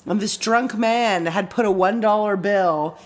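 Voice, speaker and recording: A woman from Canada co-hosting a casual podcast, telling lively bar stories with swearing and laughter. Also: mid-range voice, unhurried. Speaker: podcast co-host. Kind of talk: casual chat.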